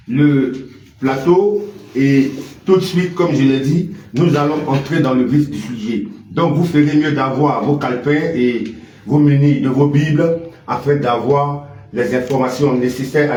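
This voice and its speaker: A man presenting a religious radio broadcast, formal and measured as he introduces the guests. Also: medium pitch, darkish tone. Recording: echoey room with faint hiss.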